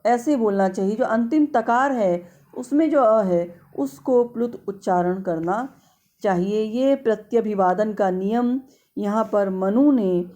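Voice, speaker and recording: A middle-aged woman giving a slow, explanatory lecture on a classical text, carefully drawing out vowels to demonstrate how they are pronounced. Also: medium pitch, mellow. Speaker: Sanskrit lecturer.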